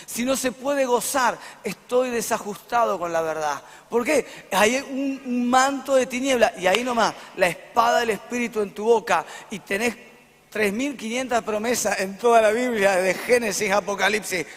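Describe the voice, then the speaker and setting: A man's voice: high voice, normal speed, a bit bright. A man pastor with an Argentine Rioplatense accent, preaching emphatically to a congregation in a church and checking in with them often. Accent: Argentine Rioplatense Spanish. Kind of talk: sermon. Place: church hall before a congregation. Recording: echoey church hall.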